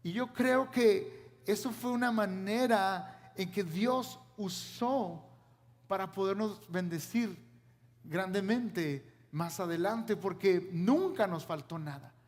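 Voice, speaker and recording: Mexican-born male pastor, high voice, sermon in a reverberant church hall. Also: slow pace. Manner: preaching with rhetorical questions to the congregation.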